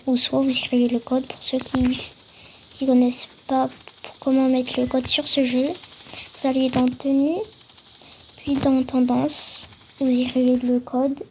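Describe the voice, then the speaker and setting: A woman's voice: high voice, a little mellow, a little hiss or hum. A woman talking through a game tutorial, hesitant, with many fillers and restarts. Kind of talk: casual game tutorial voice-over.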